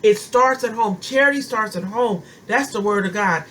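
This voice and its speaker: A woman's voice: a little high, moderate pace, fairly bright tone, slight background noise, poor audio. Fervent woman preaching in plain talk. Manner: fervent, conversational, repeats phrases for emphasis. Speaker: preacher and self-styled prophetess. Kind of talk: informal sermon, speaking to viewers.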